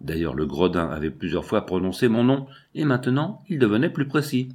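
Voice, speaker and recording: A man reading a novel aloud as a first-person audiobook narrator, in a measured storytelling delivery. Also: on the low side, a little mellow, slightly rough.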